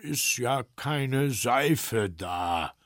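A man voicing a grumpy male bear who hates bathing, in a children's story, talking slowly and reluctantly. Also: medium pitch, lively intonation, a bit bright, no echo, studio quality.

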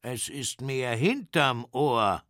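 A man's voice: medium pitch, expressive, slow pace, fairly bright tone, no room sound, clean studio sound. A man voicing a naive, friendly male dragon in a children's story, asking earnest, ponderous questions.

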